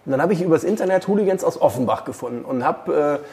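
A man's voice: fairly high pitch, expressive, fast talker, a little mellow. A man, a journalist and podcast co-host, telling long anecdotes in casual chat with many fillers.

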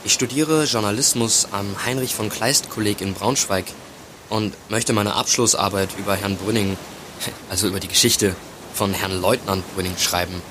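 A young actor playing a polite, somewhat hesitant journalism student in a radio play. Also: male voice, fairly low pitch, steady tone, normal speed, background noise, lightly acted. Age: young adult.

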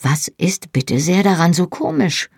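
Reader doing a soft teasing young husband, low intimate whispers, gravelly and husky, storybook reading. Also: very animated, measured pace, no echo, clean studio sound, exaggerated voice. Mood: intimate, playful. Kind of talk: audiobook reading.

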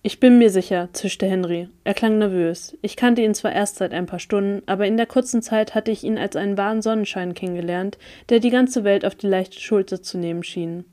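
A woman narrating a first-person story in an even, calm reading voice. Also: mid-range voice, brisk, hardly any pauses. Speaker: audiobook reader.

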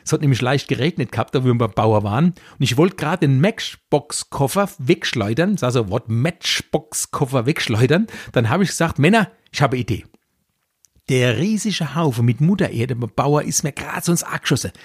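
A man's voice: medium pitch, expressive, fairly quick, hardly any pauses, slightly rough, dry recording, studio quality. A man in his sixties with a Kurpfalz dialect, telling a rambling comic story straight to his audience. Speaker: comedian. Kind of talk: comic monologue.

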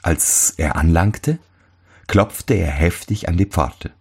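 A man reading a fairy tale aloud in an expressive, scripted manner, voicing each character. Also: deep voice, takes it slowly, slightly rough. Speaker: storyteller.

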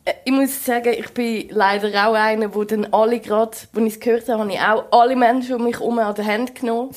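A woman's voice: on the high side, fairly even intonation, fairly quick. A woman with a Swiss German accent co-hosting a podcast, playful and joking as she acts out little scenes. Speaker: podcast co-host. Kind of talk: casual chat.

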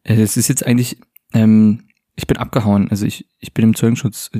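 A man co-hosting a podcast, acting out a frantic phone-call sketch in hushed, panicked whispers and curses. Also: fairly low pitch, flat delivery, brisk, dry recording, studio quality. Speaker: podcast co-host.

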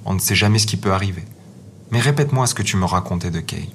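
A man's voice: low voice, fast talker, fairly bright tone, a little hiss or hum. A man voicing a spoiled, fierce little robber girl who bosses and threatens in a storybook reading. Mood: bossy. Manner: bossy, threatening.

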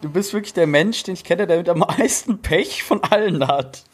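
A man's voice: high-pitched, expressive, moderate pace, slightly rough. A young man in casual chat among friends, explaining his views in loose, colloquial phrases.

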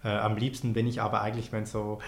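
A man from Switzerland with a Swiss accent, a podcast guest telling stories in a relaxed way with many fillers. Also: lowish voice, fast talker. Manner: relaxed storytelling with frequent fillers. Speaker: podcast guest, performance artist. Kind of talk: casual conversation. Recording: roomy echo.

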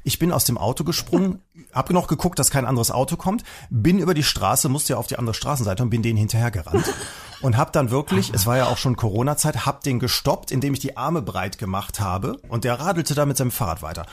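A man telling a personal story in casual chat, animated, acting out the people he quotes. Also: mid-range voice, fast talker, slightly rough.

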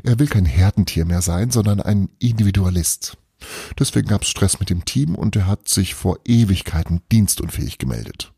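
An earnest young witch girl, as a male narrator plays her, quick to get exasperated. The voice is low and husky, with lively swings in pitch. A storybook figure. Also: no room sound, studio quality, heavily acted. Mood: explaining.

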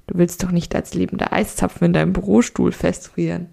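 A woman's voice: fairly low pitch, little pitch movement, a little fast, gravelly, mellow, breathy edge, heavily acted. A woman voicing a friendly bearded man who teases a coworker in an easygoing, playful way. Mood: teasing.

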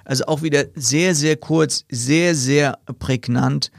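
A man's voice: a little high, takes it slowly, creaky, no echo, clean studio sound. A man hosting a podcast, chatting casually about Bible verses and thinking aloud with fillers and repeated words. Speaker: podcast host.

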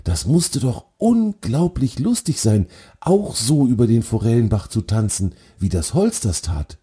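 A man reads a children's story aloud, calm and gentle. His voice is very dark and mellow with a husky, breathy grain. He lets it rise and fall with lively expression. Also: mid-range voice, measured pace.

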